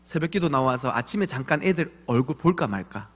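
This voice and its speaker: A male pastor in his thirties giving an evening church sermon, telling animated stories and acting out voices of his children. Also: medium pitch, brisk. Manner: animated storytelling with acted voices of his kids. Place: church sanctuary. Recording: long church hall reverb.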